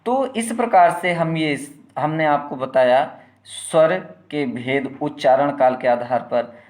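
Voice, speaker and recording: Man giving a class lecture, a touch high-pitched, drawn-out sound demonstrations. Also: a little mellow. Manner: asks the class questions and answers them himself; stretches words out slowly when demonstrating sounds. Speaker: teacher.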